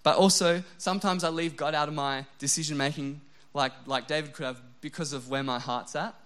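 A young adult man preaching a sermon, animated and self-deprecating, dropping to a soft, low voice when he voices prayers. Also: a little fast. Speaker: pastor.

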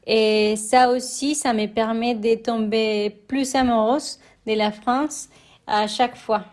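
Mexican woman, young adult, unhurried and halting, Spanish accent, interview guest. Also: a little high, fairly even intonation, darkish tone, a little hiss or hum. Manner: hesitant, many fillers and restarts. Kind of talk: interview testimony.

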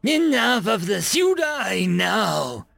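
A snarling, brutish alien thug with a raised, gravelly bark, as a male narrator puts him on. He sounds menacing and crude, a storybook villain in a close, dry reading. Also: high voice, sing-song, takes it slowly, a bit bright, no room sound, pitched above the performer's own voice, exaggerated voice.

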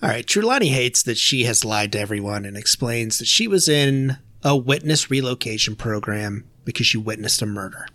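A man in casual podcast chat, rattling through a plot summary with scattered uhs. His voice sits at an ordinary middle pitch. The sound is dry and close, with no room around it. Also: animated, bright, forceful tone, no echo. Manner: narrates plot quickly with filler uhs. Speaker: podcast host recapping episodes.

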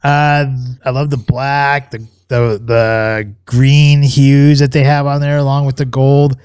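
A man's voice: medium pitch, slow pace, clear, resonant tone, no room sound, clean studio sound. A man co-hosting a podcast, giving a casual, rambling review full of fillers and restarts. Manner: relaxed, hesitant, many fillers and restarts. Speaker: podcast co-host reviewing scotch.

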